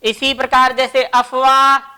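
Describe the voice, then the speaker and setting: Woman grammar teacher, high-pitched and slow, careful about each example. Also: little pitch movement, bright, forceful tone, clear, resonant tone. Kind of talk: classroom grammar lesson.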